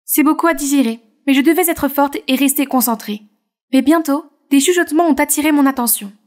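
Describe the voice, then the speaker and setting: A woman plays a shy young artist narrating her own cartoon story. Her voice is high and expressive, and she tells the events with feeling. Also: a little fast, lightly acted. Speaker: narrator and heroine. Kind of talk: animated story dub narration.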